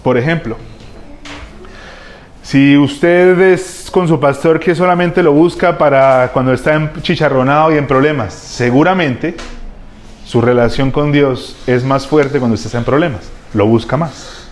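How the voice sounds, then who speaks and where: A man preaching a sermon as a pastor, telling lively, humorous stories full of slang. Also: fairly high pitch, measured pace, a little hiss or hum.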